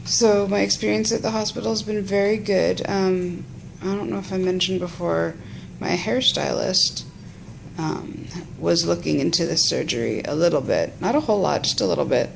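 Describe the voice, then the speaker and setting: A woman with a heavily creaky, gravelly voice rambles through a casual personal vlog. She talks in a halting way, stopping and picking up again. The phone recording has clearly audible noise around her. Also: lowish voice, poor audio. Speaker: patient vlogging after surgery.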